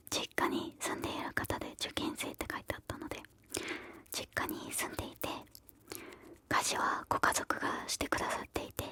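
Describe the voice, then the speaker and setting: A woman whispering softly and breathily close to the ear, gently answering questions in an encouraging ASMR style. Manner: whispers throughout, soft and breathy; encouraging, gentle advice-giving.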